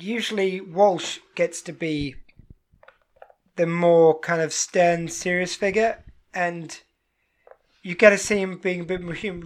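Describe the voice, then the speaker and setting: An enthusiastic podcast co-host in casual chat. They talk eagerly, with frequent small restarts. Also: medium pitch. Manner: chatty, enthusiastic, many restarts. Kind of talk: casual chat reviewing a TV show.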